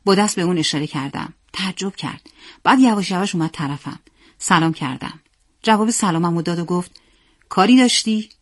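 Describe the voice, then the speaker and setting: A woman reading a story aloud as narrator in a steady, plain manner. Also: on the low side, no echo, studio quality.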